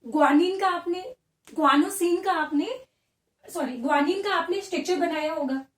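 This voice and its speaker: A woman with a very high-pitched voice speaks at a normal speed, teaching biology in a classroom lecture. She explains step by step, posing her own questions and answering them. The recording has a roomy echo and she sounds a bit far from the mic.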